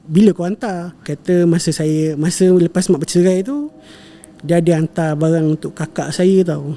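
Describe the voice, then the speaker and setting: On a podcast, a young man with a dark tone and a voice on the high side relates a family story at a moderate pace and steady tone. His casual storytelling meanders, with frequent fillers, self-corrections, and English words woven in.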